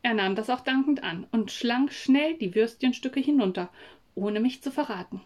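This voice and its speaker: A woman reads a children's story aloud in a calm, even way. Her voice sits fairly high, and the telling is steady and clear. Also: moderate pace. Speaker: narrator. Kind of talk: storybook reading.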